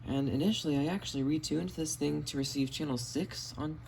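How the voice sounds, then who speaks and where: A radio collector shows off and explains his finds in a casual, matter-of-fact show-and-tell vlog from his home basement. His voice is fairly high, fairly quick, and creaky. It was recorded on a cell phone, with audible background noise.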